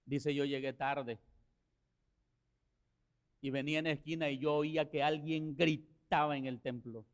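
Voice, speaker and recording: A man preaching a sermon as pastor, telling a story with rising passion and quiet, slow passages. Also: on the high side, steady tone, clean tone. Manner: impassioned preaching, swelling to shouts then dropping soft.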